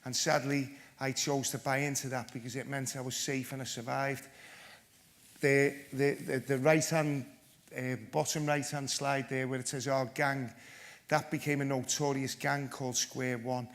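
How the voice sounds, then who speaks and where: A former PE teacher on a conference panel tells his own story bluntly, joking and running himself down. He speaks at normal speed in a flat, mid-range voice.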